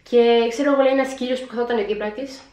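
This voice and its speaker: A young woman telling a story in a vlog, animated, acting out her own panic as she retells it. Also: a little high. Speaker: vlogger. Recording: echoey room.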